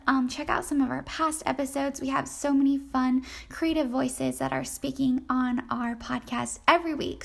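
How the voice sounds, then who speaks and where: A woman's voice: sits high, gravelly. A woman hosting a podcast interview, upbeat and effusive. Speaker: podcast host.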